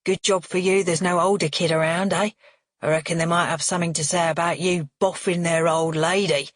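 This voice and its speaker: A woman's voice: lowish voice, unhurried, husky, no echo, studio quality. A woman voicing a crude, menacing middle-aged father who sneers and needles everyone at the table. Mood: taunting.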